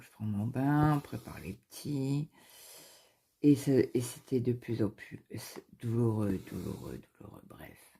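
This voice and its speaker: Young female vlogger, casual storyteller who keeps quoting what people said, husky and dark-toned. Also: extremely low pitch. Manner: retells events through quoted dialogue, with frequent fillers and restarts. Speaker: craft vlogger. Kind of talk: casual chat, telling a personal story.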